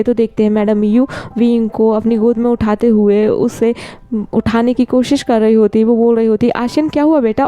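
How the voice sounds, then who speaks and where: A woman's voice: a little high, mellow, clear, resonant tone. A woman casually retelling a drama episode scene by scene, acting out the quoted lines. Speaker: story narrator. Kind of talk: casual storytelling narration, voicing quoted lines.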